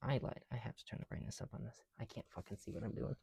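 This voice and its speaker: Racing along in a mid-range voice, recorded dry, a young ASMR creator talks casually indoors at home while building bricks. Speaking through a heavy mask leaves him somewhat breathless, and his soft, breathy delivery often sinks to a whisper as he rambles with self-deprecating humor.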